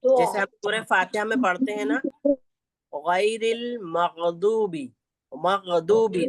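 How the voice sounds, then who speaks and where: A woman teaching Quran recitation in an online class, patiently repeating each sound slowly for her students to copy. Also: medium pitch, no echo. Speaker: Tajweed teacher. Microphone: online class audio.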